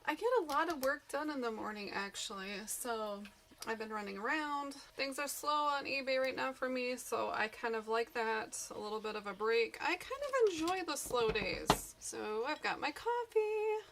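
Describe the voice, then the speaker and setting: Woman, bright tone, fairly high voice, chatty rambling unboxing talk, morning voice. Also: very animated, normal speed, a little hiss or hum. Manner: chatty, rambling, thinking aloud. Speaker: eBay reseller vlogger. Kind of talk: casual unboxing chat.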